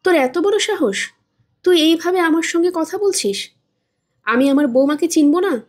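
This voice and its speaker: A woman's voice: high voice, moderate pace, a little mellow, lightly acted. A woman reading as a stubborn scolding old mother.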